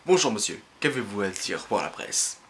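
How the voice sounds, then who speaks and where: A man's voice: fairly low pitch, big pitch swings, moderate pace, a bit bright, slight background noise, voice pushed down. A man putting on the voice of a mock-formal female journalist interviewing a YouTuber.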